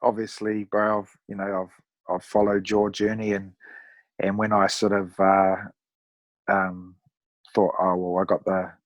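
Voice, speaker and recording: A man in his thirties with a broad New Zealand accent, chatting casually as a podcast guest in a laid-back, matey, rough-around-the-edges way. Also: low voice, little pitch movement, unhurried, dry recording. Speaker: podcast guest, amateur endurance athlete. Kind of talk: casual conversational storytelling.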